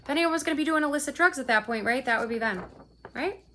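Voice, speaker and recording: A woman's voice: high-pitched, fast talker, background noise. A woman, a parent, delivering a heated, profane personal rant to the camera, often tagging her points with "right?". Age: adult parent. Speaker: vlogger recounting a custody fight.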